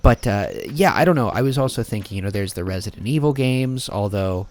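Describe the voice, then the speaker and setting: A man's voice: lowish voice, animated, a little fast, darkish tone. A man commenting over gameplay in a rambling, casual way, full of fillers and restarts, sounding sleepy. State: sleepy, yawning. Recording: clear background music. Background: background game music.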